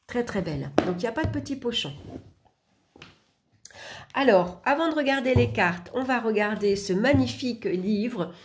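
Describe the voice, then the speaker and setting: A woman's voice: a little high, lively intonation, normal speed, pauses often, a little hiss or hum. A woman giving a casual show-and-tell of a tarot deck, chatty and full of little asides.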